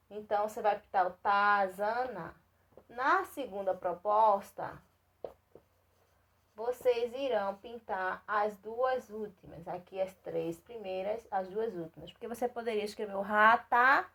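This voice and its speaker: A woman's voice: medium pitch, fairly bright tone. A woman with a Brazilian Portuguese accent teaching a class of young children, patiently spelling out syllables and checking that they follow. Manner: patient, repeats and checks in with "tá certo?"; spells out syllables slowly and clearly. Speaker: primary school teacher. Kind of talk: recorded remote lesson for young children.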